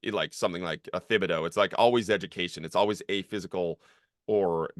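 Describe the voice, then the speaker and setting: A young man hosts a casual podcast in a low voice, rambling with lots of fillers and swearing, and getting animated as he talks. His voice sits dry and close on the mic. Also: fast talker, no room sound. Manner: rambling, filler-heavy, profane, gets animated. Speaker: podcast host, former college strength coach.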